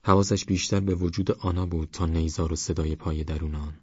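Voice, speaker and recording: Male audiobook narrator, very low and husky, steady reading, dull lo-fi recording. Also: no echo. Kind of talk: scripted novel narration. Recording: dull lo-fi audiobook with faint music. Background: faint background music.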